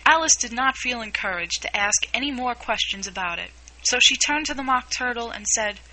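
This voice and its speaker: Bright-voiced woman reading a storybook. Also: on the high side, a little hiss or hum, poor audio. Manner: measured, expressive reading. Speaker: audiobook narrator. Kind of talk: storybook narration.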